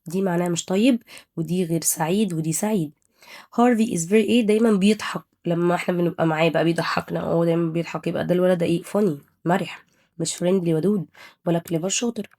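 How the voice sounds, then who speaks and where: A woman's voice: on the low side, fast, dark tone. A young woman with an Egyptian Arabic accent teaching an English exam review, firing questions at students and answering them herself, mixing Arabic with English words.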